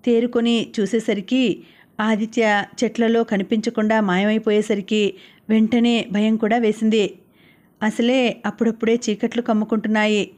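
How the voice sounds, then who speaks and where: A woman narrating a romance novel as an audiobook reader, in a steady storytelling manner. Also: a little high, normal speed. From Telugu-speaking India.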